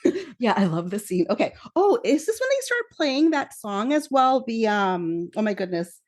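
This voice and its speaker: A woman with a fairly high voice speaks as a podcast guest. She recaps scenes with lively emotion and slips into the characters' lines and her own remembered reactions. The tone stays casual and chatty. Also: moderate pace. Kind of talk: casual chat recapping a show.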